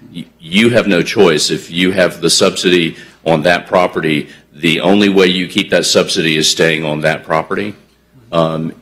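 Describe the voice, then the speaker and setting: Deep-voiced man explaining at a public meeting. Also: fairly bright tone. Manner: measured, explanatory, many fillers and restarts. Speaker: housing developer presenting to commissioners.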